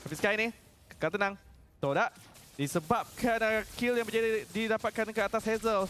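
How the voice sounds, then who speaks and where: A man's voice: high-pitched, fairly quick, a bit bright, slight background noise. A man with a Malaysian accent giving live esports commentary and analysis. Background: music.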